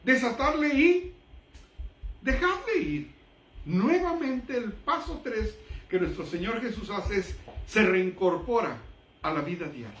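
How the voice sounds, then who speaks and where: A man with a high voice delivers a sermon, reading Bible verses and explaining them with emphatic pauses. His voice carries from a distance through an echoey room. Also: very animated, fairly bright tone. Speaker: preacher.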